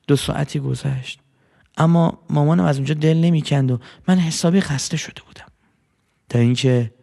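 A man telling a first-person story in a gentle way, repeating words for effect. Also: mid-range voice, vocal fry. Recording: long hall reverb.

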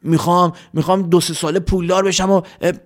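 A man's voice: high voice, little pitch movement, voice pushed up, natural voice. Storybook young villager, naive and earnest, stammering, played by a man. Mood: defensive. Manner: stammering, hesitant.

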